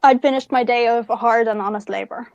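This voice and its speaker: A woman player at a tabletop game making teasing, deadpan jokes in casual chat. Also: fairly high pitch, brisk, no echo, highs cut off.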